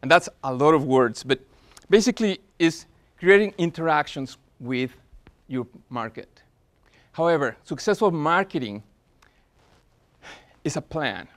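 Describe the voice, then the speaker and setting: His pitch is fairly high and his delivery animated, at a measured pace with long pauses. He's a man in his forties with a Spanish accent, earnestly presenting at a business workshop, often using fillers and restarting.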